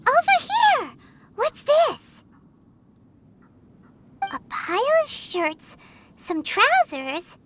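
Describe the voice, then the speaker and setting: Very squeaky, childlike fairy companion. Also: female voice, huge pitch swings, extremely slow, long pauses, noisy background, full character voice. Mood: curious, puzzled. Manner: exclaiming, wondering aloud. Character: tiny childlike fairy companion, curious and excitable. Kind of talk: English video game voice acting.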